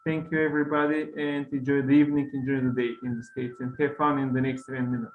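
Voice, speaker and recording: A man's voice: medium pitch, level tone, fast talker. A man hosting an online webinar in a casual way, reading out questions from the audience. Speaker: webinar host. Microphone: makeshift setup on online call. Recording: hissy, echoey, phone-like call audio.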